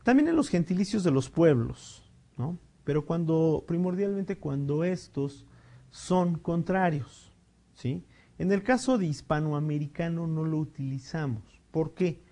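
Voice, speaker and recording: A male teacher explaining punctuation rules, reading example sentences slowly with emphasis and checking in with the class. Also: fairly high pitch, expressive, dark tone. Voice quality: clears throat now and then. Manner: explanatory, with frequent fillers and checking "¿sí?". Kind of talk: recorded spelling and punctuation lesson.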